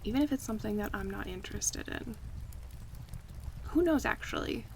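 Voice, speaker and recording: In a relaxed ASMR roleplay, a woman plays an affectionate, playful close friend, chatting and teasing conversationally. Her natural, mid-range voice moves at normal speed with some vocal fry, over slight background noise.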